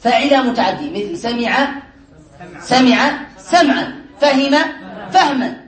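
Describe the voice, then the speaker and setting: High-voiced man teaching a class. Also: expressive. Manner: quizzes the class often, slows down to stress word patterns. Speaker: teacher of Arabic morphology. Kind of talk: classroom lesson. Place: classroom with students. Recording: roomy classroom from a distant mic with class murmur.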